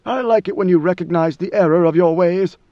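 A male narrator voices a cold, imperious god-emperor who speaks with lofty, measured command in a high register. His voice sounds natural, and the dry recording is slightly muffled.

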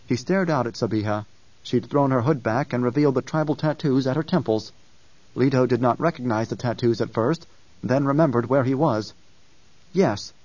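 A man narrating an audiobook in a steady, measured reading. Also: medium pitch, no echo. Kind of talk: scripted narration. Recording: dull distant dry recording.

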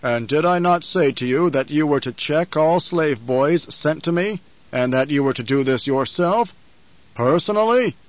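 A man voicing an older tyrant baron for an audiobook, coldly controlled and scheming, with a mocking, deliberate, imperious manner. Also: a little high, animated, no room sound, close to an everyday voice. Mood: cold anger. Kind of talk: audiobook character voice. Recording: slightly dull, lo-fi audio.

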